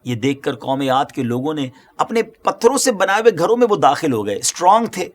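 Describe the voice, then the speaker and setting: A man's voice: on the high side, very animated. Dramatic middle-aged male religious storyteller. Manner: mixes English words into Urdu, rhetorical questions to viewers.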